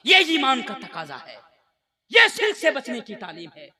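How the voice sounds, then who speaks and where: High, bright-voiced young male preacher. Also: huge pitch swings, normal speed. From India. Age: 20s. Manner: impassioned, high-pitched declamation with call-and-response to the crowd. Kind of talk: sermon. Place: live religious gathering.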